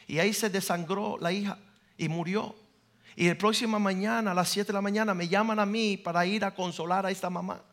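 A pastor preaching a sermon, swinging from loud declarations to hushed storytelling. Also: male voice, high voice, steady tone, a little fast. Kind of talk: sermon with personal stories.

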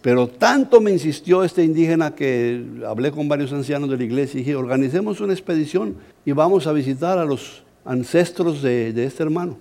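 A middle-aged Colombian man, a pastor, preaching a sermon as an animated, humorous story. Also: fairly high pitch, a little fast, few pauses. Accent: Colombian Spanish.

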